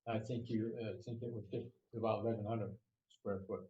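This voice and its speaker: Older man in his eighties, folksy rambling talk, dark mellow voice, echoey dull recording. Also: lowish voice, little pitch movement, a little fast. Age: 80s. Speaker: property owner. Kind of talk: casual testimony.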